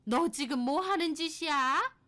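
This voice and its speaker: Woman putting on a shrill bossy mother-in-law, screechy high voice, yelling at her daughter-in-law. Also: measured pace. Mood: scolding. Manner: shrill, scolding, high and loud.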